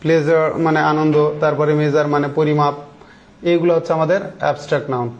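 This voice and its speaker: Guy with a high voice walking a class through grammar, asks questions as he goes, kinda dull lo-fi sound. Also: little pitch movement, fast talker. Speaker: English teacher.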